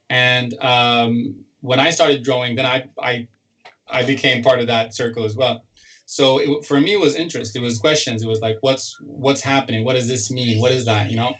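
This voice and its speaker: A man's voice: mid-range voice, slight background noise, rough recording. A man from Sudan, a political cartoonist and parent, chatting in an interview with frequent restarts and fillers. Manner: halting, many restarts and fillers. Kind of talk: casual interview chat.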